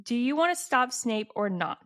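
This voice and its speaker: A woman's voice: medium pitch, unhurried, natural voice. A woman reading aloud the lines of a brave, blunt boy wizard in a dramatic read-aloud.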